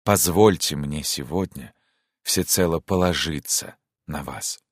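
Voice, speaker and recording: A man's voice: extremely low pitch, unhurried, husky, no room sound, clean studio sound, heavily acted. A man reading an audiobook, voicing a lovesick young prince who pleads with emotion. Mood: earnest.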